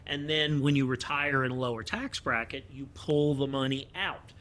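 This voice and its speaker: A man's voice: mid-range voice, moderate pace, fairly bright tone. A man hosting a podcast, explaining tax questions in a dry, wry, conversational way. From United States. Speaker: podcast host, tax advisor. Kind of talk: casual podcast talk.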